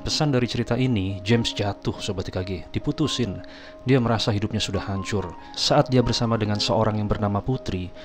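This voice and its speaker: A man tells a personal story in a chatty vlog style, often addressing his audience directly. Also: fairly low pitch. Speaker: motivational vlogger. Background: background music.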